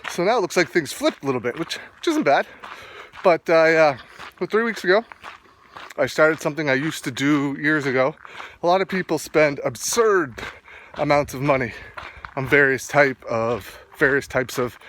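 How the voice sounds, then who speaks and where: A man talking casually to a vlog while walking outdoors, rambling and often pausing to find his words. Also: on the high side, fairly bright tone, a little hiss or hum. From east coast of Canada. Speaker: fitness vlogger.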